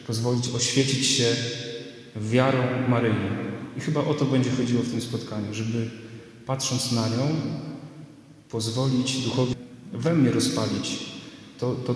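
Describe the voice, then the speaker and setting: A Polish man giving a measured, reflective sermon-like talk, recorded in a church with cathedral-like echo. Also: mid-range voice. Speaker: religious podcast host and preacher. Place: inside a church. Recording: reverberant church echo, farther from the mic.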